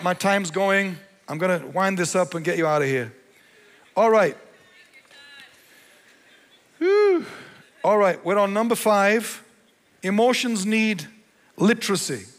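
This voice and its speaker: A man's voice: high voice, big-room sound. A male pastor preaching a sermon, emphatic and repeating his key phrases.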